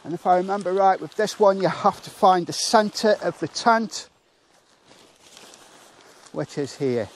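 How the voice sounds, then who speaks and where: A man casually demonstrating how to pitch a tent outdoors, chatting and thinking aloud with fillers, poking fun at himself. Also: unhurried, pauses often. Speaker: motorcycle touring reviewer.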